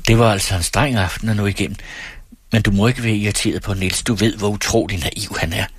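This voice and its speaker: A man voicing a teasing, restless young married woman in a read-aloud story, in a lightly mocking, quick manner. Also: on the low side, fairly even intonation, slightly rough, dry recording.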